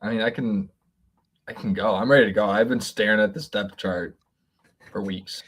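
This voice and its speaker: A man co-hosting a casual sports podcast, excitable, laughing often and repeating words. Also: on the low side, normal speed, husky. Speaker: podcast co-host.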